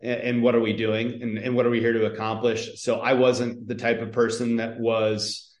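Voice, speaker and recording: A man's voice: mid-range voice, level tone, normal speed. Chatty man with a roomy echo. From northern Michigan, US. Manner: chatty, storytelling, many fillers and restarts. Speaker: podcast guest, public health entrepreneur. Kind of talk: casual conversational interview.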